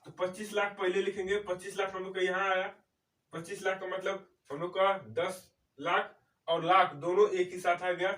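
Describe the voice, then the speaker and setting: A man with a high voice walks through a math lesson one step at a time and checks in with "okay" after each point. He stands some way from the mic, and the room around him rings with echo. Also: flat delivery, bright, forceful tone, distant mic. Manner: explains slowly, often checks in with "okay". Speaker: teacher. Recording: echoey room, speaker away from mic.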